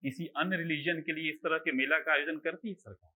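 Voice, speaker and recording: A man's voice: fairly high pitch, steady tone, a little fast, sharp tone, husky, rough recording. A man teaching an online exam-prep class, asking rhetorical questions and answering them himself, and often checking that students follow. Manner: keeps checking that students understand.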